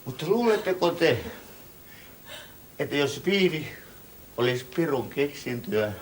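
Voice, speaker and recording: Man, comic stage monologue, tipsy wedding guest, boisterous, high voice, very lively pitch. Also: a little hiss or hum. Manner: boisterous storytelling, swinging from shouts to hushed awe. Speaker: stage performer.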